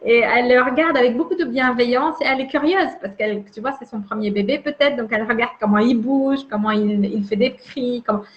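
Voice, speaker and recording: A woman explaining a calming emotion exercise in conversation, gentle and demonstrative, often repeating her words. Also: fairly high pitch, brisk, few pauses, highs cut off. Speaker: emotional wellbeing guide.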